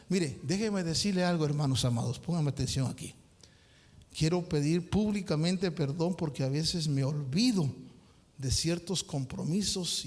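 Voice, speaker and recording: A man preaching a sermon as pastor, swinging from loud shouted passages to quiet, confiding asides. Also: on the high side. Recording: long hall reverb.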